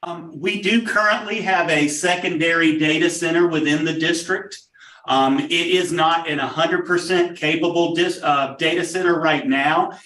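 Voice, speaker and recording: A man answers questions at a public board meeting in a measured, explanatory way, pausing often on "um." His voice sits a little high and is picked up from across a roomy meeting room, so it sounds distant and echoey. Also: fairly even intonation, fairly bright tone. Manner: measured, explanatory, many "um" pauses. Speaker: district technology official.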